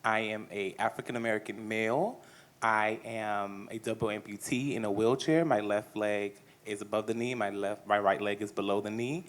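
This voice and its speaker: A man introducing himself on a conference panel in a measured, descriptive way. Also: lowish voice, steady tone. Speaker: panelist, performance artist.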